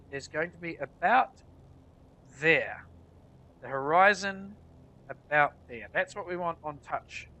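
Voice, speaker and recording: The recording is low quality as a man with a cold-congested, nasal voice plays a flight simulator and explains it casually as a tutorial. His voice is medium-pitched, bright, and forceful.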